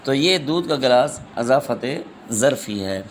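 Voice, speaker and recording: A man teaching at a middling pitch works through exam questions. He reads each option aloud, then names the answer and addresses students as "beta". A faint hiss of background noise runs under the recording. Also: lively intonation.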